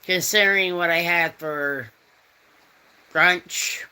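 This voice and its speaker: Slow, rambling woman chatting with viewers. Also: lowish voice, pushed and bright, smooth, poor audio. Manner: rambling, folksy, reads out chat comments. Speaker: host. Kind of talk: casual chat.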